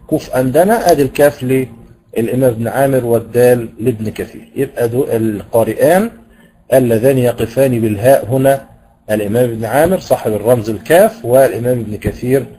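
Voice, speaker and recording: In poor audio, a man with an Egyptian Arabic accent gives a university lecture on Quranic recitation. His medium-pitched, mellow voice explains things slowly, pausing with hesitation sounds.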